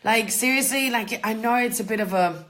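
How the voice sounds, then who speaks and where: Greeting viewers on her casual livestream, this woman, a host and mindset coach, speaks in a slightly high, somewhat bright voice at a moderate pace. Born in Germany and a native German speaker, she has a blended English and Australian accent and talks loosely, now and then swearing.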